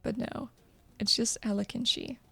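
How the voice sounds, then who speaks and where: A woman's voice: fairly high pitch, flat delivery, a little slow, vocal fry, sharp tone, husky, soft background music. A woman reading a video game story aloud as dramatic narration. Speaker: gameplay commentator and narrator.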